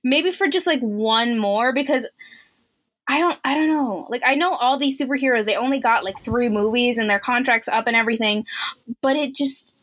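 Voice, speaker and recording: A young woman co-hosting a podcast in casual chat, animated, acting out reactions in loud quotes and laughing often. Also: fairly high pitch, normal speed. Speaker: podcast co-host.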